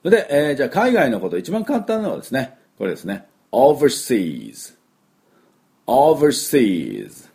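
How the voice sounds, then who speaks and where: A middle-aged man giving a chatty English pronunciation lesson, with drawn-out fillers and model words repeated for the listener to copy. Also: a little high, huge pitch swings, a little mellow. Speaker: English teacher.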